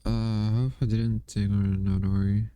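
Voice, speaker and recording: A man's voice: lowish voice, little pitch movement, moderate pace, warm tone, smooth, no room sound. A young man streaming, chatting casually and playfully to himself and his viewers while gaming and drawing. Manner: playful, rambling, talks to himself and chat.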